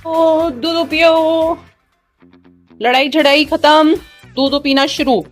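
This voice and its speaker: High-voiced mom coaxing her kids. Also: fairly even intonation, takes it slowly, soft background music. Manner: coaxing and scolding small children, playful mock threats. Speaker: mother vlogging her day with three young children. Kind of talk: casual home vlog, talking to camera and to her kids. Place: at home, indoors.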